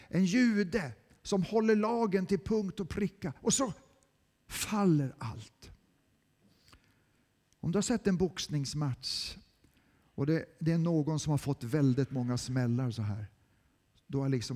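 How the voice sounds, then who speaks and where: High-voiced preacher in a reverberant church. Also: male voice. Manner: dramatic, swinging from loud cries to hushed whispers. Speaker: pastor. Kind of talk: sermon.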